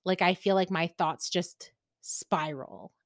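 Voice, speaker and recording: A woman's voice: on the low side, slow, no echo, clean studio sound. A woman hosting a casual solo podcast, talking candidly about herself, swearing freely and laughing often. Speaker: podcast host.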